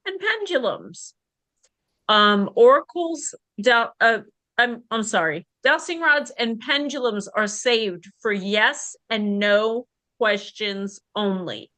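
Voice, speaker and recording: A woman hosting a casual live stream as a divination reader, halting and correcting herself as she goes. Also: mid-range voice, sharp tone, clean tone, no echo.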